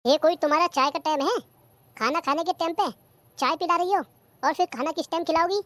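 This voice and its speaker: A man's voice: extremely high pitch, a little fast, fairly bright tone. A performer voicing an idle, demanding young husband and son in a cartoon comedy, whining about his tea and meals. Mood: complaining. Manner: demanding, whiny complaints about timing.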